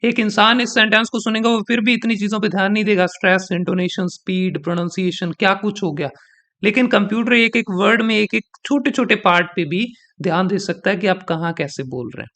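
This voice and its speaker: A young male trainer teaching an online lesson, his voice sitting high for a man. He explains in an easy, patient way and repeats example sentences slowly to show where the stress falls. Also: sharp tone. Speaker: exam coaching trainer. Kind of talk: teaching in Hindi mixed with English.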